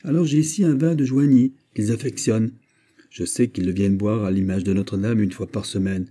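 A man reading aloud, voicing a calm, disdainful steward who answers with tranquil scorn. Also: on the low side, brisk, close to an everyday voice. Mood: explaining.

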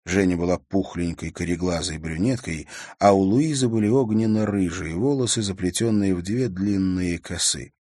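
A man narrating an audiobook with expressive storytelling. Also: sits low, normal speed, few pauses, no room sound, studio quality. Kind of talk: scripted narration.

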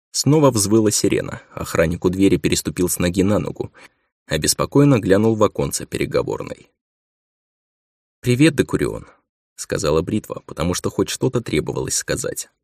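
A man reading a science fiction audiobook in a measured, subdued narration. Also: deep voice, vocal fry, darkish tone, husky, no room sound, clean studio sound. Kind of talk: scripted narration.

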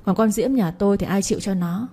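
A woman's voice: mid-range voice, brisk, dark tone, natural voice. A woman voicing a stern middle-aged village father who speaks bluntly and makes demands. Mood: demanding.

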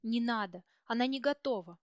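A woman's voice: fairly high pitch, normal speed, smooth, no room sound, natural voice. A woman voicing a terrified old village herbalist who pleads and begs in a frightened, breathless way. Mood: pleading. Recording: dull, dry audiobook recording.

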